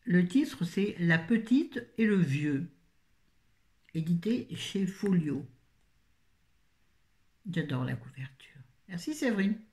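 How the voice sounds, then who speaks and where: A woman's voice: fairly low pitch, sing-song, slow, pauses often, a little mellow. A middle-aged woman from France chatting casually about books she has read, rambling, correcting herself and dropping jokey asides. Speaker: book reviewer. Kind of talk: casual book review chat.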